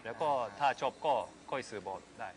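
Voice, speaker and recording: Japanese-accented man speaking simple, halting, imperfect phrases. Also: mid-range voice, crowd noise. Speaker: surf skate coach and professional surfer. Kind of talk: casual explanation on a live show.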